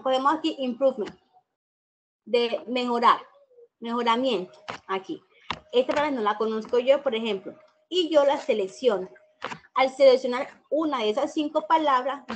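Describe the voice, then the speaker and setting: A woman's voice: fairly high pitch, slight background noise, rough recording. A middle-aged woman teacher explaining a class assignment in an informal, example-filled way, with many fillers, recorded on a computer microphone. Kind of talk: screen-recorded tutorial explanation.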